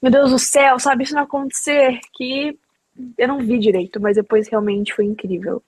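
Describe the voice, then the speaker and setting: A woman in casual chat, telling stories in an excitable, dramatic way. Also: a little high, moderate pace, breathy edge, no echo.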